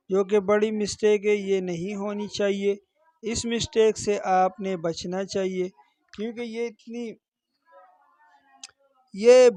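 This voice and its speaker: A man gives a recitation lesson, correcting common errors sternly and repeating himself for emphasis. He stretches each recited phrase out slowly to demonstrate it. The sound is dry and close, with no room around it. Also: sits high, a little mellow, dry recording. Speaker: Quran recitation teacher.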